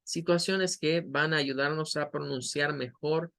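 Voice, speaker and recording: A man whose first language is Spanish, teaching an English pronunciation lesson and slowly repeating model words for his students. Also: fairly high pitch, fairly even intonation, gravelly, fairly bright tone.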